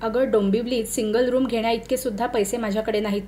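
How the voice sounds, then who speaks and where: A woman's voice: on the high side, steady tone, fast, warm tone, a little hiss or hum, natural voice. A woman reading a young man's lines. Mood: earnest. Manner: protests and snaps in exasperation. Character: young man, poor Mumbai commercial artist, irritable.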